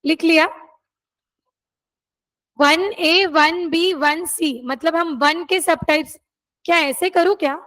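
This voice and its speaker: A woman's voice: very high-pitched, fairly even intonation, slow, pauses often, a bit bright. A woman law teacher, dictating notes in a classroom and checking that students have written them down.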